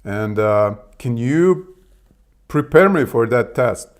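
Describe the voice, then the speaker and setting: A video host testing an AI assistant chats casually and hesitantly, full of fillers. He is a native Serbian speaker with a Serbian accent, and his medium-pitched voice is slow with lively intonation.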